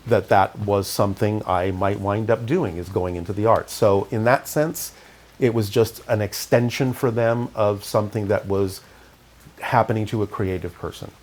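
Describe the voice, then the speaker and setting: A middle-aged man from Canada, who grew up in California, appears as an interview guest and thoughtfully recounts his experiences. He speaks calmly, in a measured and low-key way.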